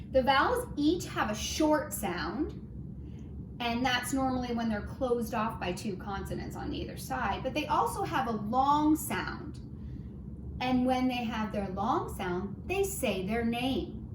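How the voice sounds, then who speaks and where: At home, a woman teacher with a somewhat high voice leads a children's phonics lesson, gentle and encouraging in a singsong way. The recording is roomy and noisy, with the mic far off in an echoey room.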